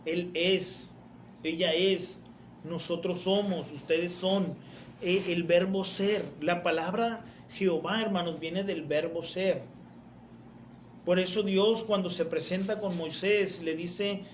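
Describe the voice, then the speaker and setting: High-voiced preacher explaining doctrine in a roomy church. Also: male voice, a little hiss or hum. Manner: explanatory, repeats key points, often addresses listeners as brethren. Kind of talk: teaching sermon.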